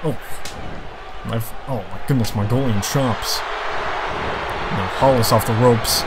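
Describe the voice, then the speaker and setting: A man's voice: medium pitch, takes it slowly. Exclamatory male wrestling commentator, noisy background. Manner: exclamatory, dramatic, emphatic reactions. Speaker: professional wrestling play-by-play commentator.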